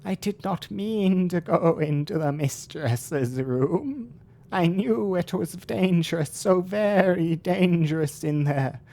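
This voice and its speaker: A man voicing a frightened, pleading servant creature from a fantasy game, with a quavering, bleating goat-like voice and drawn-out words. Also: high voice, animated, warm tone, voice pushed up, full character voice.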